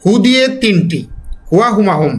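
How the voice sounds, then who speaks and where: A man with a Bangladeshi Bengali accent teaching an Arabic lesson step by step, slowly repeating each example word as he drills it. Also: high-pitched, expressive.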